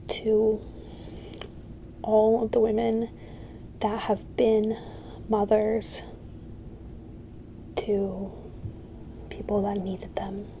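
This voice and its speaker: Female, whispered ASMR pep talk. Reassuring, halting delivery, mellow and fairly even, faint noise behind. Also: medium pitch, vocal fry, poor audio. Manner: whispered, soft-spoken and halting; reassuring, encouraging. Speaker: ASMR creator.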